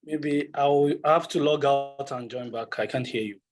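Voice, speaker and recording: A man's voice: medium pitch, measured pace. A man on a video call whose audio keeps cutting in and out, repeatedly checking whether anyone can hear him. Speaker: webinar participant asking a question. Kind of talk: casual video-call talk. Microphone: computer on a video call.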